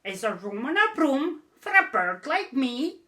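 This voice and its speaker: A woman doing a bright, polite green bird. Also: high-pitched, very animated, a little slow, full character voice.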